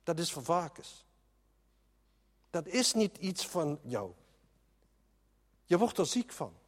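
A man's voice: fairly high pitch, sing-song, takes it slowly. Earnest preacher man in a reverberant hall. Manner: earnest, emphatic, with frequent restarts. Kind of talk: sermon.

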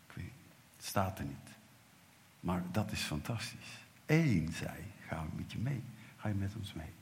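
A man preaches with a low, deep voice. He tells the story vividly, voicing its characters and swinging from loud to a hushed whisper. The church around him carries a long, trailing reverb. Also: expressive, unhurried, vocal fry. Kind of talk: sermon.

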